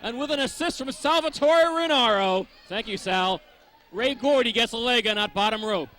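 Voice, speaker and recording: Male wrestling commentator, very high excited register, sharp forceful tone, wordy descriptive calls. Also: normal speed, a faint crowd. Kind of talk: live sports commentary.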